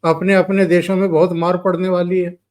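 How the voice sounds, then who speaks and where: A man's voice: high-pitched, little pitch movement, a little fast, darkish tone. A man with an Indian accent hosting a political discussion, asking emphatic leading questions. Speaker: show host.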